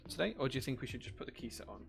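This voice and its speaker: A man's voice: medium pitch, very animated, rapid-fire, gravelly, music in the background. A man hosting a live stream, chatting casually, reading out viewer chat and thanking people as he works. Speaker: livestream host building keyboards.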